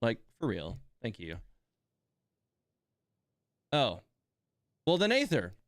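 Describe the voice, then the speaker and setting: With huge swings in pitch and a slow pace, this host thinks aloud through a casual gaming livestream, reading game text and adding side comments. His voice is mid-range, and the clean studio recording has no echo.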